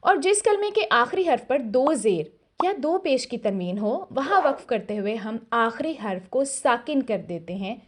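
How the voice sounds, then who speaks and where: Woman, Urdu accent, recitation teacher, measured and patient, slightly high voice. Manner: calm, measured, models syllables slowly and clearly. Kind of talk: scripted tajweed lesson.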